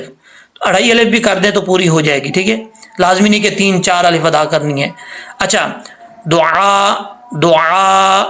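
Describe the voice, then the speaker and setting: A man with a high-pitched voice teaches Quran recitation, walking through pronunciation step by step. He explains patiently, then stretches each example word out slowly so it can be copied. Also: fairly bright tone. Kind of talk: tajweed lesson.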